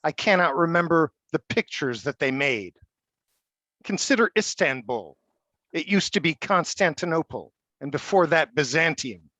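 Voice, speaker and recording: Male poet, a bit high, halting between pieces, dry and close. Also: no echo. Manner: halting and stammering when talking, steady when reading. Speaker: poet and college faculty member. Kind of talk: poetry reading.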